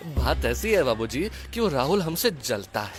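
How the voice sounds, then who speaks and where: A man voicing a crude, excitable young man who swears freely in an audio drama. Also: mid-range voice, normal speed, faint music behind, close to an everyday voice. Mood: excited. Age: young adult.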